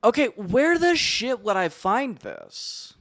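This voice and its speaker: Speaking slowly in a very high, sing-song voice with a touch of brightness, this young man mutters and swears to himself while working on something during a casual stream.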